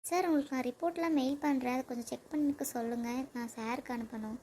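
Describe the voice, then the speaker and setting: A woman's voice: high-pitched, fairly even intonation, fast talker, dark tone, a little hiss or hum. A woman playing a polite young office coworker in a comedy sketch. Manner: polite, concerned.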